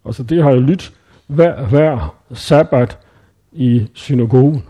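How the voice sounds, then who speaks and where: Mellow-voiced man teaching scripture. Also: medium pitch, husky. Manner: informal, thinking aloud with many hesitations and self-corrections. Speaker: preacher. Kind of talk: conversational Bible teaching.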